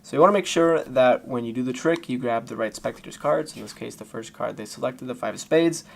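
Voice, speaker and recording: A man giving a casual, loosely improvised card-trick tutorial in magician patter, talking informally to viewers with a gravelly voice. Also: medium pitch, fairly quick. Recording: faint background noise.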